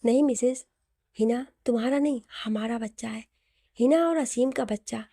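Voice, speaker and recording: A woman voicing a young husband who speaks softly and protectively to his crying wife in an audio story. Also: on the high side, normal speed, no room sound, clean studio sound. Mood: tender.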